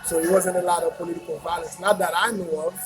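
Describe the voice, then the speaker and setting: A Haitian man answers questions as a guest in a casual conversational interview, rambling loosely with plenty of fillers and repetitions. His voice sits high and flat, and he talks quickly. Music plays in the background of this low-quality recording.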